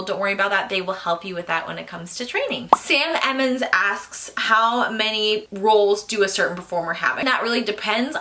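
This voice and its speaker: A woman's voice: medium pitch, pushed and bright. A woman, casually answering viewer questions in a chatty way, full of "um" and "like". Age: 20s. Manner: chatty, lots of fillers like "um" and "like". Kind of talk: casual Q&A talk to camera.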